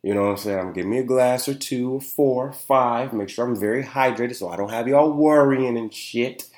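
In a brisk, mid-range voice that's a little mellow, a young man rambles through his casual solo podcast, congested and nasal. He chats on with many fillers, keeps asking "you know what I'm saying," and the recording carries a roomy echo.

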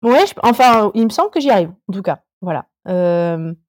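A woman's voice: medium pitch, big pitch swings, fairly quick, darkish tone, no echo, clean studio sound. A woman in her thirties, a climber guest on a podcast, chatting casually and hesitantly with many fillers and restarts. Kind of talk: casual interview chat.

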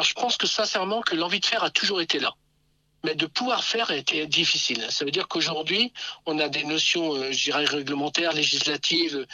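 A man's voice: fairly high pitch, pushed and bright, rough recording. A man talking as a radio guest on speakerphone, hesitant, with many fillers and restarts. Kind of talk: phone interview.

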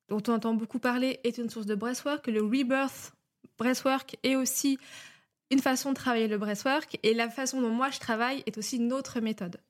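A woman guest, a life coach, explaining at length with many hesitations, a little nervous. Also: on the high side. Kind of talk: casual interview chat.

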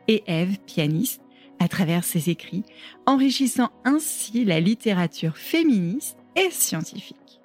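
A woman reading a scripted narration in a measured, solemn way. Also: mid-range voice, darkish tone.

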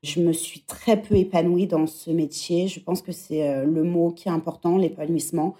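A woman's voice: on the low side, fairly even intonation, moderate pace, warm tone. A woman in her thirties, a podcast guest and former teacher, speaking reflectively in a conversational interview. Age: 30s. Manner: reflective, thinking aloud.

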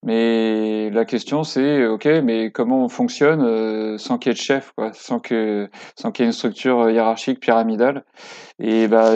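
Guy on a podcast, gravelly voice, lots of euhs, kinda muffled lo-fi sound. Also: fairly low pitch, darkish tone. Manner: hesitant, many fillers and restarts, enthusiastic. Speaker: podcast guest, workshop co-creator. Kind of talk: casual interview chat.

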